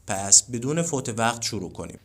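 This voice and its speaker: Man drilling words slowly, lively pitch. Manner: slow, deliberate word-by-word repetition. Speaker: English teacher. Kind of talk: language lesson with repetition drills.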